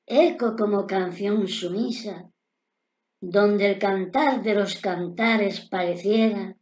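Older man declaiming poetry very slowly. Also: high-pitched. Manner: solemn, deliberate phrasing with pauses. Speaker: poet reciting own work. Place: indoor room at home.

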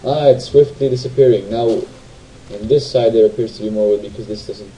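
Rambling low-voiced man playing a game. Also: moderate pace, warm tone, poor audio. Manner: rambling, self-talking, asks viewers tag questions. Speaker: gamer. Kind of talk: casual let's play commentary. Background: faint game music.

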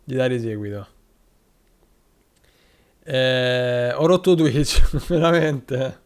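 A man's voice: mid-range voice, very slow. A man commenting live on a football manager game, chatting with viewers, thanking subscribers and talking to his players. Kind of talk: live gameplay commentary with chat shout-outs.

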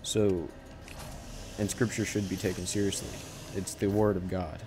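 A man giving casual commentary while he plays a game, rambling with halting starts and frequent self-corrections. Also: low-pitched, level tone, background noise. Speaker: gaming channel host.

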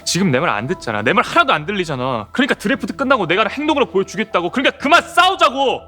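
A young man with a lively, rising and falling voice pleads his case as a defensive boyfriend. Soft music sits under his lines. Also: fairly high pitch, racing, heavily acted. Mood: defensive, pleading. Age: young adult. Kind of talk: web drama acting.

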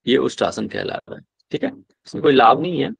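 A male yoga teacher, at a middle pitch. He chants old verses slowly and explains them in brisk, plain classroom talk. The sound is dry and close. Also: expressive, creaky, breathy edge, no room sound. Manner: chants verses slowly, then explains quickly with "ठीक है?" checks.

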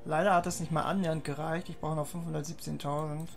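A man's voice: on the high side, flat delivery, fast, creaky. A man giving casual gameplay commentary in gamer slang, half muttering to himself. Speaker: gaming streamer. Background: game music and effects.

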